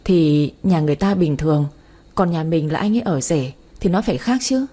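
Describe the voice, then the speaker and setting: A woman's voice: deep voice, lively intonation, a little fast. A woman doing a trusting, devoted young wife. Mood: pleading. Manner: gentle, pleading.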